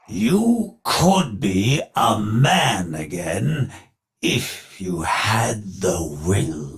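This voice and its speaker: A male actor with a gravelly, medium-pitched voice plays a ruthless, grandiose older industrialist villain in a video game. His heavily acted delivery is theatrical, pompous, and declamatory, with slow, deliberate phrasing meant to persuade.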